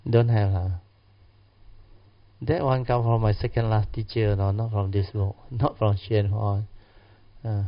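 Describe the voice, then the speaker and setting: Malaysian guy teaching class in slangy english, lah and ah tags, kinda low voice, muffled audio. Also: steady tone, normal speed, vocal fry. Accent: Malaysian or Singaporean English. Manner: colloquial slang with clipped phrases and tag particles like lah and ah. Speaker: Buddhist teacher.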